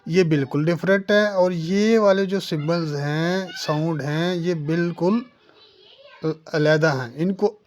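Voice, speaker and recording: A woman gives a phonetics lesson in a low-pitched voice, taking her time over each vowel. She models example words one after another with patient repetition and calls the learner dear student. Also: a little mellow. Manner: patient, demonstrates sounds by slowly repeating example words. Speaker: English teacher.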